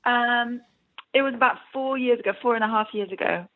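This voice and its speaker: Laughing frequently and leaning on plenty of fillers, an actress from Iran who speaks with an English accent talks casually in an interview. She speaks fairly quickly in a higher voice, and the tinny, phone-like line carries a little hiss or hum.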